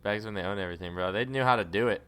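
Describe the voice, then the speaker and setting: A man co-hosting a podcast who makes crude jokes and deadpan asides. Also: on the low side, very fast, clear, resonant tone. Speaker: podcast co-host. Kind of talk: casual chat.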